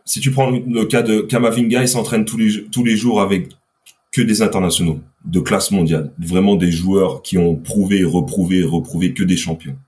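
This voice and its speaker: A man's voice: sits low, steady tone, normal speed, darkish tone. A man co-hosting a casual podcast, explaining his point through examples with hedging fillers.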